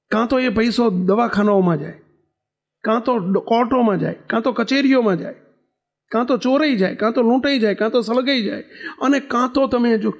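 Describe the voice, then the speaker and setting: High-voiced man preaching earnestly. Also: darkish tone. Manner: earnest pleading, repetitive emphasis. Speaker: swami preaching. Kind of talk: sermon with storytelling.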